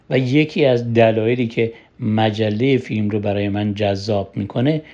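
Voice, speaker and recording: A man hosting a cinema program, presenting scripted introductions in a formal, measured way. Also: lowish voice, darkish tone, muffled recording. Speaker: radio host.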